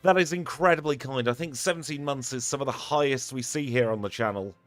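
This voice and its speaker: A man's voice: medium pitch, fairly quick, soft background music. A man wrapping up a live game stream, chatty and upbeat as he thanks his viewers one by one. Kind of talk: live stream sign-off chat.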